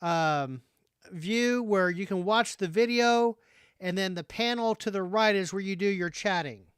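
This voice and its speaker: Guy doing a casual livestream, smooth highish voice, kinda hesitant, thinking out loud, no room echo. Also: measured pace, studio quality. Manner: hesitant, thinking aloud while figuring things out. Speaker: livestream host.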